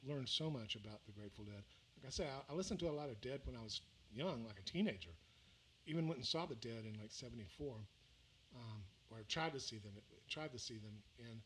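An older male musician, born in Mississippi and raised in Louisiana, offers loose, relaxed banter between songs during a livestream from a small indoor venue, full of fillers and restarts. His mid-pitched voice comes through a stand-mounted vocal mic, with poor audio and a faint room hum.

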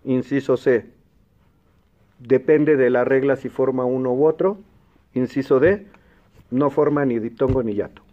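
A Mexican man with a Mexican Spanish accent hosts an educational quiz show, speaking clearly and patiently and repeating the answer options slowly. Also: medium pitch, warm tone. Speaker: quiz host and teacher. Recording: dull lo-fi broadcast sound.

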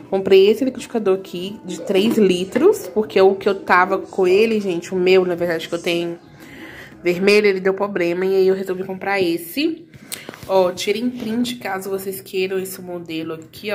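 A woman's voice: mid-range voice, darkish tone. A woman chatting casually to her viewers while she cleans her home, filming on a handheld phone. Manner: chatty, addresses viewers as "gente". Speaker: vlogger. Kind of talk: casual vlog chat.

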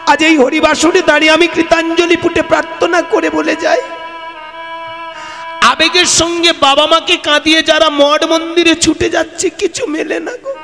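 A man's voice: extremely high pitch, fairly even intonation, normal speed, vocal fry, pushed and bright, faint music behind. A man giving an impassioned devotional kirtan sermon to gathered devotees, addressing them as father and mother and breaking into sung chanting. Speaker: kirtan singer and preacher. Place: religious gathering stage, standing before devotees. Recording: long hall reverb over live PA with instruments.

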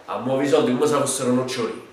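A man playing a menacing, hot-tempered Camorra boss with a Neapolitan accent in an acted crime-drama monologue, swinging between muttering and shouting. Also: mid-range voice, fairly even intonation, fast talker, close to an everyday voice. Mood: angry. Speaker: actor in an audition self-tape. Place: small bare room indoors. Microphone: camera mic at a distance. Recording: echoey room, distant mic, faint hiss.

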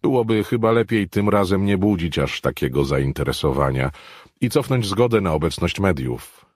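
A man's voice: deep voice, animated, normal speed, a little mellow, no room sound, studio quality, voice pushed up. A man voicing a blunt, demanding male police chief. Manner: blunt, pushy.

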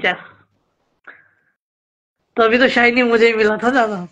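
A man's voice: extremely high pitch, steady tone, racing, sharp tone. A man in his twenties with an Indian accent, chatting casually as a stream guest and mixing Hindi with English. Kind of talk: casual chat. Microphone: phone video call. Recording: dull lo-fi internet call.

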